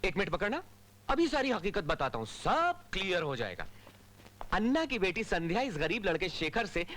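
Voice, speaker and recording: A cheeky, righteous cop. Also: male voice, high-pitched, huge pitch swings, moderate pace, a bit bright, heavily acted. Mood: playful. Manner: playful storytelling, mock-respectful. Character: cheeky, righteous male police officer. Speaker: police officer. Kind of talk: Hindi film dub acting.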